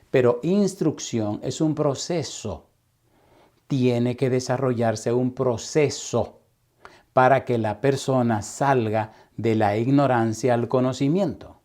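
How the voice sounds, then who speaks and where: A man preaching as a pastor in Sabbath school, telling a story and acting out its dialogue, sometimes dropping to a hushed whisper. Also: mid-range voice. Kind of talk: Sabbath school Bible teaching.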